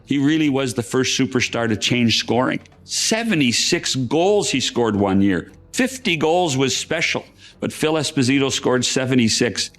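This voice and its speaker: A man at an ordinary pitch speaks emphatically in an interview. He leans on each number he cites. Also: expressive, normal speed, fairly bright tone.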